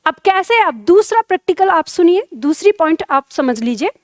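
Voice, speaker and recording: Woman teacher, high voice, dry sound, keeps quizzing then answering herself, gets you to say sounds out loud. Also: big pitch swings, moderate pace, no echo. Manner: explains with questions she answers herself; has students say sounds aloud. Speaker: Hindi grammar teacher. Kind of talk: classroom lecture.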